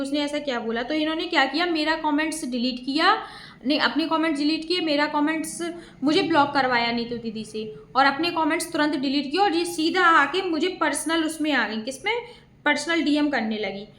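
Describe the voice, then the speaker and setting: A woman vlogger with a high voice walks her viewers through a dispute. She speaks casually and at length, sounding aggrieved. Her voice rings with a roomy echo. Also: fairly bright tone. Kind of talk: casual storytelling vlog.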